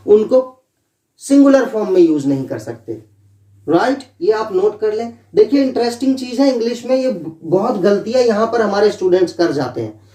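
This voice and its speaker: A man teaching as an online English tutor, dictating example sentences slowly and checking in with his students often. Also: high voice, mellow. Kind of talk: explanatory online lesson. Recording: echoey room, distant mic.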